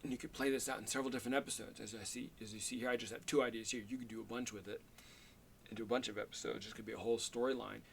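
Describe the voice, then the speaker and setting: A man's voice: mid-range voice, steady tone, very fast, gravelly. A man with an ordinary mid-range voice talks to his camera in a loose, unscripted way, stopping and starting as he thinks aloud. He keeps coming back to his points with eager enthusiasm, full of fillers and restarts. A faint hiss sits under the recording. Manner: rambling and hesitant, many fillers and restarts, enthusiastic. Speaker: video creator pitching fan ideas. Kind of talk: casual solo talk to camera.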